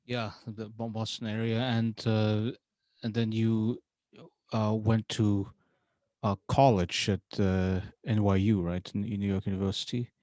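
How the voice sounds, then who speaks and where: A man's voice: on the low side, level tone, a little slow, darkish tone. A man hosting a casual interview podcast, speaking hesitantly with many filler sounds between words. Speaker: podcast host. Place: university setting.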